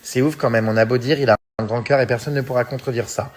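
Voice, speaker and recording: A man's voice: medium pitch, steady tone, quick pace. Chatty French vlogger man, filler-heavy. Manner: chatty, many fillers like hein and euh; often laughs while talking. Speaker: vlogger reading and answering fan messages. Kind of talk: casual story chat to followers.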